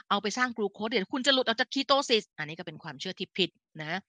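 A woman hosts a live health talk, explaining things casually like an older sister, chatting with fillers and often correcting herself mid-sentence. Her medium-pitched voice is bright and forceful, recorded dry.

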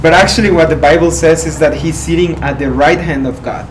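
A man's voice: on the high side, a little fast. A young adult man hosting a podcast interview, speaking hesitantly with many fillers. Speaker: podcast host. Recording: distant mic with clear background noise.

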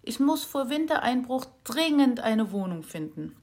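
A woman's voice: on the high side, sing-song, moderate pace, darkish tone, voice pushed up. A woman voicing a thin, polite male squirrel with three legs who speaks cheerfully in a storybook.

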